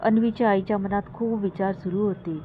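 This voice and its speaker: A woman's voice: fairly even intonation, a little fast. A woman narrating her own horror story, acting out the characters' lines with a lifted voice. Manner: acts out characters' lines with raised pitch. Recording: phone-like audio with faint noise.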